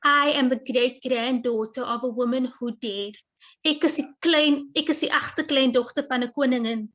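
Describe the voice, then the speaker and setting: Measured woman reading poems. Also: sits high, fairly bright tone. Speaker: poet reading her own work. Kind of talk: poetry reading. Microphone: video call. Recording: muffled lo-fi video call audio.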